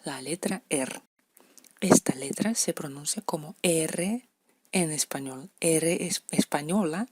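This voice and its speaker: A woman's voice: low-pitched, slow pace, a little mellow, slightly rough, no room sound. A woman, teaching letter pronunciation to beginners and patiently repeating each example word. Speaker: language teacher.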